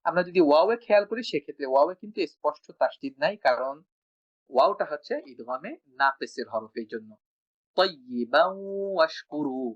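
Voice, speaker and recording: A man teaching Quran recitation rules in an online class, slowly chanting example words between explanations. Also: a little high, lively intonation, dull audio. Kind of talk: online tajweed lesson.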